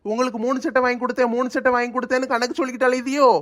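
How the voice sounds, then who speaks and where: A woman's voice: high voice, level tone, close to an everyday voice. A woman voicing a grumpy, stingy husband who grumbles sarcastically. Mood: irritated. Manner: grumbling, sarcastic, fast rant.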